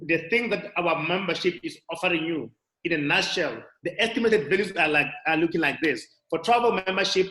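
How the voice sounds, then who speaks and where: Bright, echoey man giving a sales pitch. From South Africa. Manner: halting, many restarts and fillers. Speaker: guest speaker on a call. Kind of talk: motivational sales presentation. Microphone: video call. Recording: echoey room audio.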